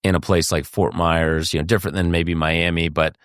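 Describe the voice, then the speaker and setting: A male host with a low voice asks his guest long, open questions in an encouraging way. The recording is close and dry, with no room sound. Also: flat delivery, a little fast, smooth, no room sound. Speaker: interview host. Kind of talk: conversational interview.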